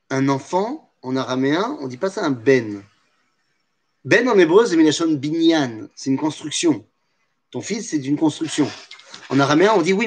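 A man's voice: on the high side, breathy edge. A man giving a religious Torah lesson, asking rhetorical questions and answering them himself, with Hebrew terms woven into his speech. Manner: mixes Hebrew terms into French. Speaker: Torah teacher.

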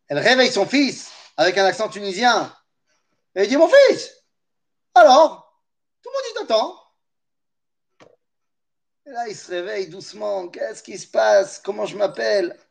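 High-voiced man telling a lively story. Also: creaky. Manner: animated, humorous asides, talks to listeners directly. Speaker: teacher of Torah.

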